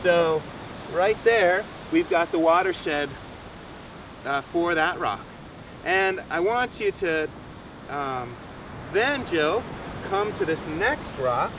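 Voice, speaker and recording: A man's voice: fairly high pitch, animated, slow, long pauses. A man in his thirties teaching outdoors on a beach, explaining step by step and encouraging his student. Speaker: rainwater harvesting teacher. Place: sandy beach outdoors by the surf. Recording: distant outdoor mic with surf noise. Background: waves and wind.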